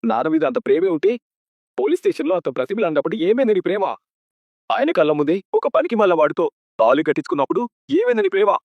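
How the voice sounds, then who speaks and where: Raging elder brother. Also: male voice, sits high, big pitch swings, fast, no room sound. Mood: furious. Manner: angry, scolding, threatening. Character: hot-tempered elder brother, domineering and threatening. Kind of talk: TV serial acting. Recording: dull lo-fi dry sound.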